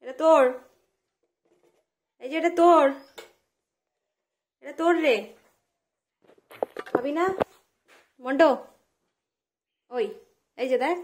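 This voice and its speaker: Woman cooing softly to her pet. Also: high voice, takes it slowly, pauses often, slight background noise. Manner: soft coaxing baby talk. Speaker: vlogger. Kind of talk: talking to a pet.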